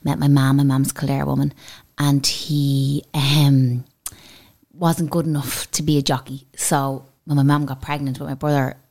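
A Dublin Irish woman with a notably low voice, talking as a guest in a relaxed interview. She rambles easily from one memory to the next in a chatty way. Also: measured pace, gravelly. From Dublin, Ireland. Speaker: podcast guest, salon owner. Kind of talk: casual interview chat.

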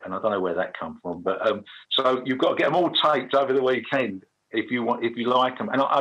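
A middle-aged man with a gravelly, husky voice, telling anecdotes casually as an interview guest. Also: mid-range voice, fairly bright tone, highs cut off.

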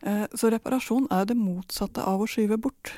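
A woman explains parenting ideas in a calm, measured way. Her voice is warm and mellow. The recording is dry and close, with no room sound. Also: medium pitch, no room sound. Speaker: parenting expert guest. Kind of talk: calm advice in conversation.

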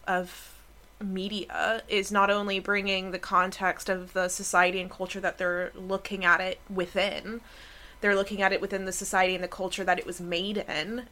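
Bright-voiced woman podcast co-host. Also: mid-range voice. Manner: reflective, reasoning things out with fillers. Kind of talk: casual chat.

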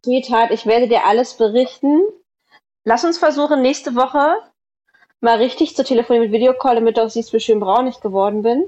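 A woman's voice: on the high side, fairly even intonation, a little fast, mellow. A woman and podcast co-host giving a chatty, affectionate update on a phone call, her voice muffled and lo-fi like a phone line.

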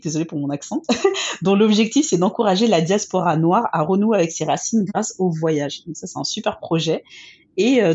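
A woman's voice: on the low side, a little mellow, husky, lo-fi sound. A woman hosting a podcast, who talks in a fluent, upbeat way and asks her guest questions. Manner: fluent and upbeat, with some fillers. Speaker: podcast host. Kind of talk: podcast intro and interview.

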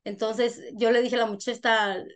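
A Mexican woman with a Mexican accent, a guest telling her life story in an interview, animated and frank, acting out what others said. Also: on the high side, fairly quick. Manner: animated storyteller who acts out other people's lines; frank, uses crude slang.

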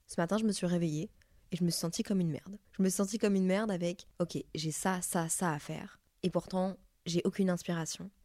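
Casting note: young French woman, podcast host, chatty and candid, mellow low voice, dry close sound. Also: fairly even intonation, fairly quick, no echo. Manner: chatty, candid, swears freely. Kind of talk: casual confessional podcast monologue.

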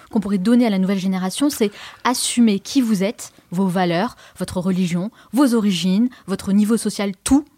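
A woman's voice: mid-range voice, mellow, dry recording. A woman hosting an interview, asking enthusiastic, leading questions. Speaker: interviewer, host.

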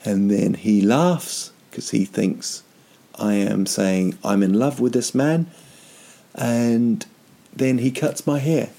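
A man in his thirties rambles through a comic vlog, dropping dry, self-mocking asides and plenty of ums. His voice is mid-range, creaky, and dark in tone.

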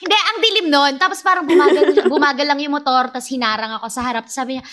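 Animated high-voiced Filipino woman storyteller. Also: quick pace. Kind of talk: casual storytelling chat.

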